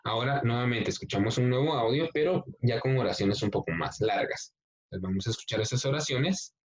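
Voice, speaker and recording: A man teaches an English class, walking through a workbook exercise and reading the sentences aloud. His voice sits at a middle pitch and comes through a dull, lo-fi recording. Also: animated. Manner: explains slowly step by step, reading exercises aloud.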